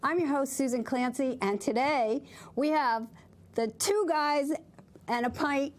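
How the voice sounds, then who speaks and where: Female local TV interview host, high voice, playful questioner. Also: unhurried, slight background noise. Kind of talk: hosting an interview.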